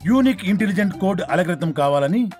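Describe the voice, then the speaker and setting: A man's voice: high voice, expressive, fairly quick. An actor playing a commanding male boss addressing his staff. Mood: announcing. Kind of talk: film comedy acting. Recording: film soundtrack with loud music.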